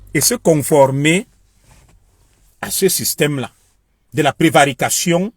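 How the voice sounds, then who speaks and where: Heard in studio quality with no room sound, a Cameroonian man whose voice is on the high side delivers a passionate political monologue directly to viewers. He is a political commentator with a Beti French accent, and his manner is heated and declamatory as he lectures.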